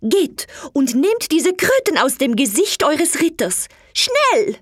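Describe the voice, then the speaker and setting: A woman voicing Alina, a cruel and haughty young wife, with a spiteful, scornful tone pitched high. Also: big pitch swings, unhurried, no echo, clean studio sound, heavily acted. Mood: shrill panic.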